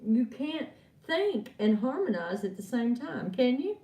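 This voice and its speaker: A woman's voice: a little high, very animated, measured pace, mellow. Chatty woman giving a card reading. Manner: chatty, laughs often, talks to viewers by name. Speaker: oracle card reader. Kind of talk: live stream chat with viewers. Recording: echoey room, far from mic.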